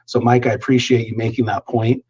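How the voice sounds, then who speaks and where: A man serving as police chief answers questions at a public meeting in a measured way with many hesitations, heard over a video call. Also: medium pitch, little pitch movement, darkish tone, slightly rough, dull audio.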